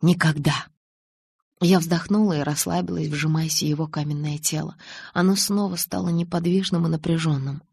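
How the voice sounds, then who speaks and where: A woman narrating an audiobook in the first person, steady and measured. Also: deep voice, vocal fry, husky, dry recording.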